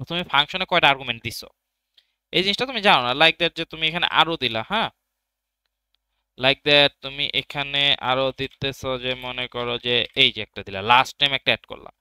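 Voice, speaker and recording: A man's voice: on the high side, bright, forceful tone, clean tone, no room sound. A young man teaching programming in a casual tutorial, thinking aloud as he types and answering his own questions. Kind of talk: casual screen-recorded coding tutorial.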